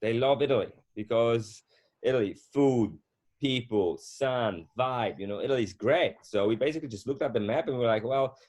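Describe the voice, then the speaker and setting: A middle-aged man from Poland, telling his story as a guest in a casual conversation, unhurried and full of fillers. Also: medium pitch, darkish tone. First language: Polish. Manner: unhurried, with frequent fillers and restarts.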